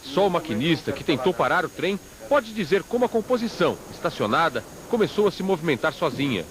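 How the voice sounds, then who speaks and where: A man's voice: a little high, big pitch swings, fairly quick, a little hiss or hum. A Brazilian man reading a scripted television news report as a reporter.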